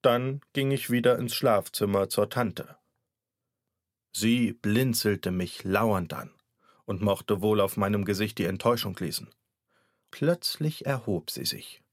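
A man's voice: lowish voice, steady tone, unhurried, no room sound, studio quality. A man narrating a satirical story as an audiobook reader, in a wry, theatrical manner. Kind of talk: scripted narration.

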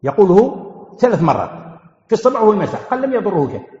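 High lively sheikh teaching in an echoey hall. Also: male voice, very fast. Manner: asks questions and answers them himself; repeats key phrases for emphasis. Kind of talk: religious lesson. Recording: echoey hall, dull lo-fi sound.

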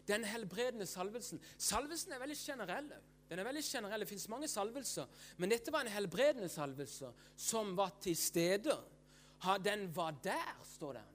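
A man's voice: high voice, fairly bright tone, a little hiss or hum. A man preaching a sermon with fervor and emphasis. He asks and answers his own questions, repeats phrases and keeps breaking into hallelujahs.

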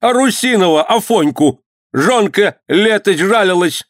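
Guy doing a screechy old governor in a storybook, spiteful, spitting mad, way up high. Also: sing-song, slow, no echo, clean studio sound, exaggerated voice. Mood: furious. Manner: screeching, stamping, sputtering with rage. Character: shrieking spiteful petty town governor, older man.

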